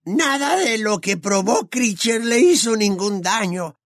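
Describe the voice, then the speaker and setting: A man's voice: high-pitched, lively intonation, a bit bright, no room sound, clean studio sound, voice pushed up, full character voice. A man voicing a groveling, tormented old male house-elf who talks through sobs and stammers. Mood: sobbing grief. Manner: sobbing, halting, stammering. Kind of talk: audiobook character voice.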